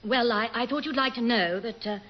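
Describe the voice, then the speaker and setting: An actress playing a polite but cheeky naval office assistant in a radio sitcom. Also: female voice, a little high, brisk, lightly acted. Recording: dull, hissy old radio recording.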